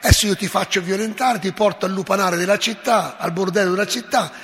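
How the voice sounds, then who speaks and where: A scornful Roman judge who blusters and threatens in a high, gravelly voice, as a man acts him out. It rings through a large, echoing hall. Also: slow pace, a bit bright, exaggerated voice. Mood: menacing. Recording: echoey hall.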